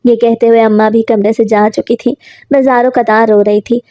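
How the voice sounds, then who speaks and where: A woman's voice: on the high side, flat delivery, normal speed, dark tone, no echo. A woman narrating a dramatic first-person story in an earnest, emotional storytelling manner.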